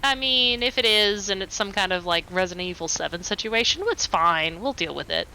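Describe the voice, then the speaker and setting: A woman's voice: medium pitch, animated, fairly quick, pushed and bright, a little hiss or hum, poor audio. A woman playing a tabletop game, chatty and eager, with a laugh now and then. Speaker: player. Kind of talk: casual tabletop play.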